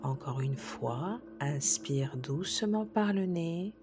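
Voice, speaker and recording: Soft-spoken low woman guiding relaxation. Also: animated, background noise. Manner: soft, slow, soothing guidance, drops to a whisper at times. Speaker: sophrologist guiding a session. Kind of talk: guided relaxation session. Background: soft background music.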